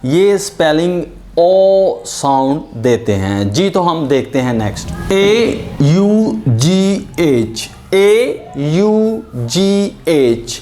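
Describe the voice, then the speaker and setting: An English pronunciation teacher giving a lesson and drawing out each example word slowly. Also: mid-range voice, sing-song, warm tone. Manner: drawn-out example words, explained in Hindi-Urdu.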